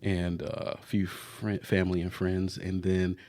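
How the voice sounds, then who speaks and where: A man's voice: low-pitched, monotone, measured pace, a little mellow. A man in his forties hosting a casual podcast chat with his wife, easygoing and laughing often. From Florida, US. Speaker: podcast host.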